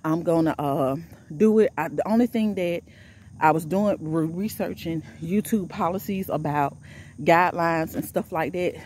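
A woman's voice: mid-range voice, a little mellow, slight background noise. A middle-aged woman vlogging while walking outdoors. She is out of breath and preaches with a repetitive, exhorting style.

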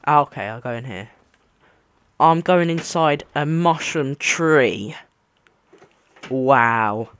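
A man's voice: on the high side, animated, unhurried, fairly bright tone, dry recording. A man giving casual let's play commentary on a game, rambling and easily amazed. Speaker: gamer commentating a playthrough.

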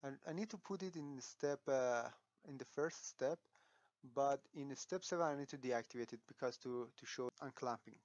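Man talking through a software tutorial. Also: medium pitch, normal speed, no echo, muffled recording. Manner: unscripted, thinking aloud, frequent fillers and restarts. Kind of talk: screen-recorded software tutorial.

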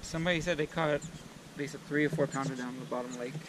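A man's voice: a little high, steady tone, racing, noisy background. A man chatting briefly by a lake while fishing, heard from some distance off the camera. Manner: short, offhand replies. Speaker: fishing partner. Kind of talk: casual chat. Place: lakeside park outdoors.

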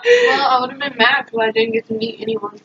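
A woman's voice: a little high, very animated, brisk, fairly bright tone, highs cut off, a little hiss or hum. A teenage girl in a casual chat, giggly and teasing. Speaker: friend on the show.

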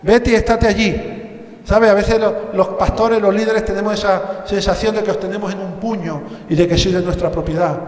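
A man's voice: high-pitched, steady tone, moderate pace. A man from Spain preaching a sermon as pastor, telling humorous stories and acting out the dialogue. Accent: Spanish from Spain. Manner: storytelling, jokey asides, acts out dialogue. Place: church hall. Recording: echoey hall with long reverb.

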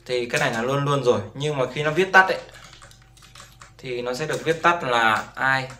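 A man with a mid-range, creaky voice that sounds pushed and bright teaches a beginner English lesson. He patiently repeats each word and often checks with "right?", recorded in a roomy echo with faint background noise.

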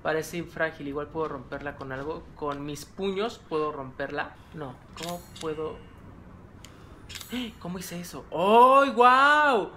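A man's voice: a little high, steady tone, normal speed, few pauses, noisy background. A man with a Mexican accent commenting on a horror game he is playing. He talks nervously, muttering to himself and yelping at scares. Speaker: let's play gamer.

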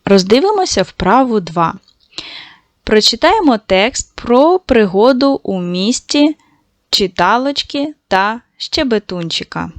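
A woman teaching a recorded lesson to young schoolchildren, patient and encouraging, slowly stretching out sounds to show how they are said. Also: fairly high pitch, big pitch swings, no echo. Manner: praising, addresses children directly.

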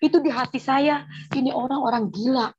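High-voiced woman, husky, telling her testimony and doing everyone's voices, muffled lo-fi sound. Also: fairly quick. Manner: lively storytelling, acts out the voices of others. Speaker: testimony speaker. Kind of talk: personal testimony.

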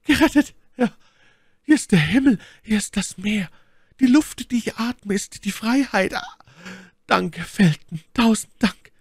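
A breathless, theatrical noblewoman, cunning and passionate, her voice pitched far above a man's. She pleads and schemes in lively swoops, close and dry to the mic, like a storybook read aloud. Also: measured pace, husky, dry recording, heavily acted. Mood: breathless, overwrought.

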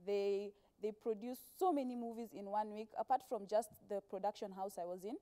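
Her warm, mid-range voice runs a little fast. She's a Kenyan-accented actress in her twenties, a guest in a TV interview, sitting on the studio sofa with a lapel mic clipped on and casually telling stories full of quoted speech.

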